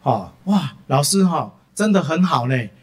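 A man's voice: a little high, animated, a little slow. A man quoting his defiant three-year-old son in a slightly raised voice, full of indignant questions. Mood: delighted.

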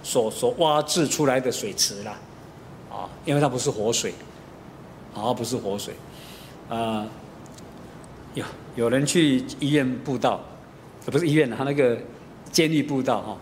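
A man's voice: medium pitch, a little slow, pauses often, a little hiss or hum. A middle-aged man with a Taiwanese Mandarin accent preaching a sermon. He tells stories with many fillers and slips into Taiwanese.

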